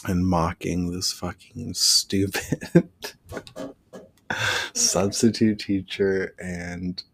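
A man's voice: low voice, very animated, very slow, creaky, fairly bright tone, slightly rough. A man hosting a podcast, telling a rambling personal story casually, with frequent swearing and filler words. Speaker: podcast host.

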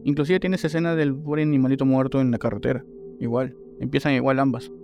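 Man, casual film chat, rambling restarts, medium pitch, faint music behind. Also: quick pace. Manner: relaxed, rambling, hesitant restarts.

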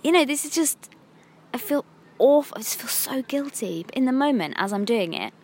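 Parked in her car with traffic passing by, an English vlogger in her thirties talks candidly to camera. She's frank, rambling and self-critical, her slightly rough voice swinging in pitch at a moderate pace.

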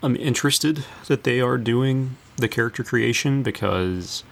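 A podcast co-host chats casually about video games. His male voice is medium-pitched and creaky with a fairly bright tone, delivered at a measured pace.

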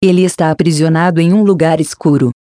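A narrator doing a kindly, mysterious old shopkeeper. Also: male voice, on the high side, fast, no room sound, clean studio sound, lightly acted. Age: older. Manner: calm, gently knowing. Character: short old male key-shop owner, kindly and mysterious.

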